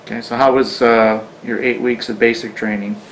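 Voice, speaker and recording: A man asking measured questions as an oral-history interviewer. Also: mid-range voice, little pitch movement, slight background noise, poor audio.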